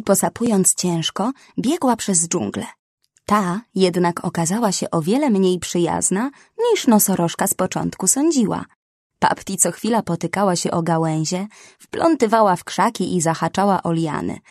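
A woman narrating a children's storybook in an expressive, unhurried way. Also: fairly low pitch, dry recording, studio quality.

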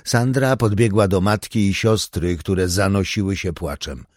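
A man narrating a dark thriller audiobook with a measured, even delivery. His voice sits low, and the recording is close and dry with no room sound. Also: no room sound.

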